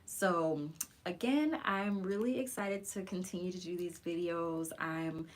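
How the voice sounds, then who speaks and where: A woman's voice: lowish voice, unhurried. A woman in her forties speaking earnestly and encouragingly in a casual live stream about her faith. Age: 40s. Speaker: faith vlogger. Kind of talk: live-stream personal testimony.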